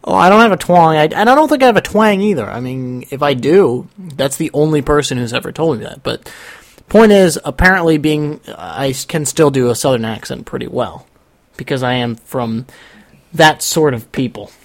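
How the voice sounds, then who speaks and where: Young man, higher-pitched, a rambling storyteller who keeps restarting his sentences. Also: lively intonation, moderate pace. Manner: rambling, self-interrupting storyteller. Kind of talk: casual chat.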